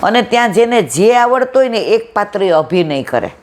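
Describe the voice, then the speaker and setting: A woman's voice: medium pitch, very animated, moderate pace, a little hiss or hum. A woman giving a devotional satsang talk, telling stories conversationally and acting out the dialogue. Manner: conversational, acts out quoted dialogue. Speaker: satsang speaker. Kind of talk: devotional discourse with storytelling.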